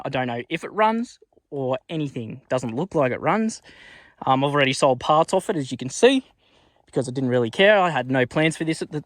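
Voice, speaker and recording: Aussie bloke, highish voice, slangy car vlog chat. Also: male voice, a bit bright, dry recording, clean studio sound. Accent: Australian. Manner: laid-back Aussie slang, sweary and blokey. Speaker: car build vlogger. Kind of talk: casual vlog chat while working on a car.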